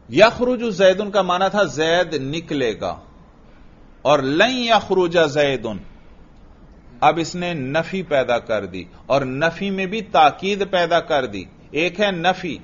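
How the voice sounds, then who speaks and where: A man teaching Arabic grammar in to a class, slowly repeating phrases and quizzing his students. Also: fairly high pitch, lo-fi sound. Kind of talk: classroom lesson.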